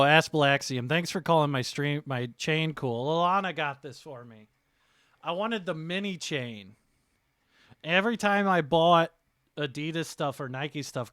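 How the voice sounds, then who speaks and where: A man's voice: fairly high pitch, fairly bright tone, clear, resonant tone, dry recording, studio quality. A man talking casually as a streaming game master, in a rambling, joking manner.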